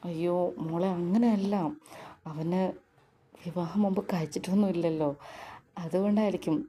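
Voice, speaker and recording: A woman's voice: fairly low pitch, steady tone, normal speed, dark tone, highs cut off, natural voice. A woman voicing a kind, doting mother-in-law who soothes and reassures. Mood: soothing. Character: kindly doting middle-aged mother-in-law.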